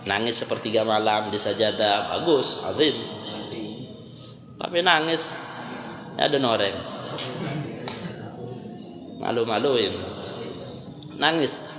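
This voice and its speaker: A male preacher, giving a chatty, story-filled Ramadan sermon on Quran commentary with Arabic verses mixed in. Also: medium pitch. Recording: echoey hall reverb.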